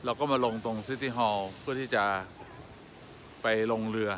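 A man's voice: medium pitch, steady tone, moderate pace, slight background noise. A man in his late thirties chatting as he films his travels outdoors by a river, adding little facts and jokes as he goes. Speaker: travel vlogger. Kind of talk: casual travel chat. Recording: loud music over outdoor sound. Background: loud music.

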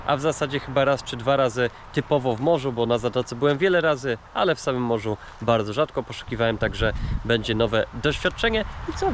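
A man's voice: fairly high pitch, background noise. A man vlogging in a casual, chatty way, thinking aloud as he shows what he finds. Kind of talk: casual vlog narration.

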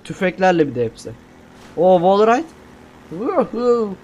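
A man's voice: high-pitched, sing-song, measured pace, darkish tone, slight background noise. A young man giving casual, self-mocking commentary while playing a game, repeating words when he panics. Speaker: gameplay streamer. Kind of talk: casual let's-play commentary.

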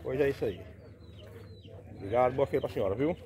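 A vlogger walks through an outdoor goat market with his phone camera, chatting with sellers about prices and passing them on to viewers in a casual on-the-spot walkthrough. He talks fast in a warm, medium-pitched voice. The noisy market is full of crowd chatter and bleating animals.

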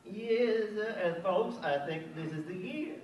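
A man's voice: sits high, a little slow, a little mellow, slight background noise, pitched above the performer's own voice. A man voicing a sassy, wisecracking male crow puppet with a folksy drawl, on a small theater stage. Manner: teasing, folksy drawl, cackling. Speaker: ventriloquist act. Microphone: stand mic from a far camera. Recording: echoey room from far off.

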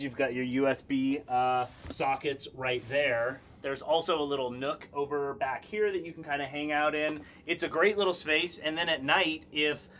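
Bright, joking man showing off bunk beds. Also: a little high, slight background noise. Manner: upbeat and joking. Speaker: travel companion. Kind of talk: casual demo chat. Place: small indoor cruise ship cabin.

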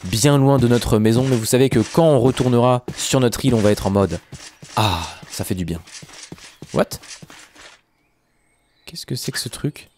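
A young gaming host gives casual Minecraft let's play commentary, chatting to viewers while playing the survival game. He's animated, with high exclamations and drawn-out words, over slight background noise.

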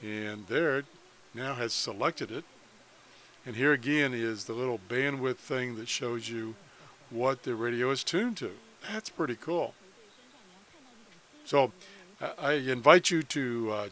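In an unhurried, slightly bright, medium-pitched voice, an American ham radio hobbyist shows off a website. The screen-share tutorial is relaxed and off-the-cuff, with him reasoning out loud.

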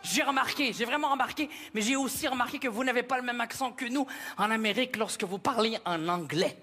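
A man from Quebec with a Québécois French accent, doing animated stand-up comedy with exaggerated storytelling. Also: very high-pitched, brisk. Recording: noisy live stage recording.

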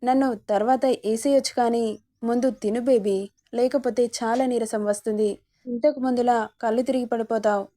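A woman's voice: on the high side, fairly even intonation, normal speed, warm tone, lightly acted. A woman voicing a possessive young husband who speaks insistently and gives orders. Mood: coaxing. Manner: commanding, insistent.

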